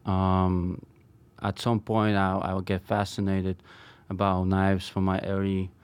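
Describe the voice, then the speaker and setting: Halting Polish-accented man, low voice. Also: monotone, darkish tone, clear, resonant tone, dry recording. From Poland. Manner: hesitant, halting, many ums. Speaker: knife maker guest. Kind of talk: studio interview.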